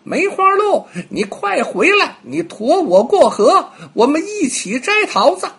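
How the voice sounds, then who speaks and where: A boastful young monkey from a children's storybook, with a shrill, breathy voice that leaps high, as an old grandpa puts him on. He swoops up and down in pitch and shouts for attention. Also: big pitch swings, unhurried, heavily acted. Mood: calling out.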